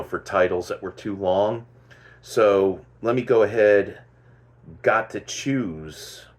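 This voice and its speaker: A man hosting a casual music commentary, thinking aloud and stopping to correct himself as he goes. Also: lowish voice. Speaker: host.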